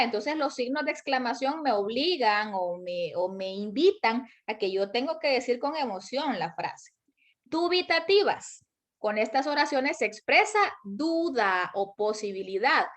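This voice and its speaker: A woman teaching a high school grammar class online, explaining patiently with many spoken examples and questions to her students.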